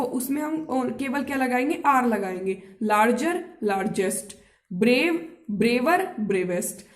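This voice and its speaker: A woman teaching a grammar lesson, explaining step by step, asking herself rhetorical questions and checking with her listeners whether it is clear. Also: high-pitched, echoey room.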